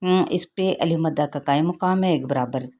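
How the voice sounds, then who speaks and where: A woman's voice: deep voice, normal speed, mellow. A middle-aged woman teaching Quran recitation rules, explaining patiently and asking her students questions as she goes.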